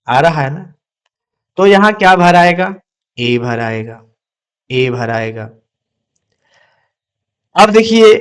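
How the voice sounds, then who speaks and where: A man teaching English grammar, asking questions and answering them himself, repeating each word slowly. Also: a little high, clear, resonant tone. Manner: repeats words slowly, asks and answers his own questions. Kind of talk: classroom lesson.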